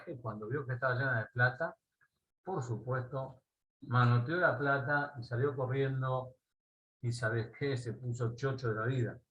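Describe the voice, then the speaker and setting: A man with an Argentine accent teaching a Torah class. He tells a parable in a lively way and often checks in with his listeners. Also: medium pitch, normal speed, dull audio. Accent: Argentine Spanish. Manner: animated storyteller, asks listeners "¿sí?" often.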